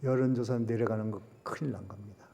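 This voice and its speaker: A man's voice: lowish voice, steady tone, brisk, vocal fry, warm tone. A male Korean pastor delivering an emphatic sermon, posing rhetorical questions to the congregation. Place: church sanctuary. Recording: long church hall reverb.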